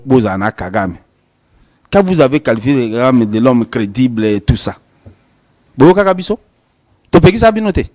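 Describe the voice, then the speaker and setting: A Congolese lawyer from the Democratic Republic of the Congo argues politics on a talk show in a fairly high-pitched voice. He speaks with a Congolese French accent, switching between French and Lingala and restarting his sentences many times.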